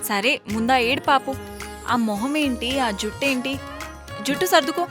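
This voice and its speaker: A woman playing a bossy, sharp-tongued village girl. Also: high-pitched, music in the background, lightly acted. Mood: fussing. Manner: brisk, bossy and scolding. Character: young village woman, jobless, sharp-tongued but caring. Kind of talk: romantic comedy web series acting.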